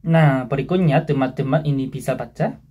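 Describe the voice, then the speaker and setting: A man from South Korea with a Korean accent gives a casual, friendly language lesson. He says words slowly and repeats them for learners. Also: mid-range voice, mellow, breathy edge. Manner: friendly, addresses viewers as friends.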